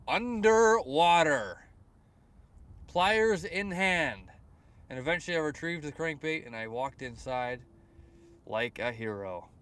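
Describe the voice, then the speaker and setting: Reading comments out loud on his lakeside fishing livestream, a young man from Canada rambles casually and repeats his words. His voice is slightly high and a little bright.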